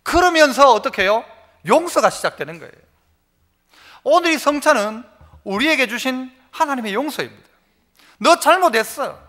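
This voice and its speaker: A male pastor delivers an emphatic sermon in a high, bright voice. His pitch swings widely as he leads the congregation to repeat phrases and tells homely stories. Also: expressive, moderate pace. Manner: storytelling with homely examples. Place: church service.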